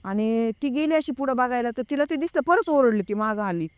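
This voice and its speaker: A woman telling a personal story in a casual, hesitant way. She pauses to recall details. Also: a little high, animated, clean tone, dry recording. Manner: reenacts a friend's frightened words. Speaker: guest recounting a personal experience.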